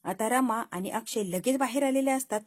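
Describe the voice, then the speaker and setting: Husky woman recapping a TV serial. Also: a little high, a little fast. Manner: retells scenes, voicing each character's lines herself. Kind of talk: casual storytelling recap with acted dialogue.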